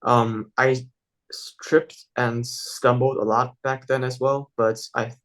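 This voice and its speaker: A man's voice: mid-range voice, level tone, slow pace, a bit bright, low-quality recording. Hesitant young man with a Taiwanese accent. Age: young adult. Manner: hesitant, many fillers and restarts. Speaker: interview guest. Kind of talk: casual interview answers.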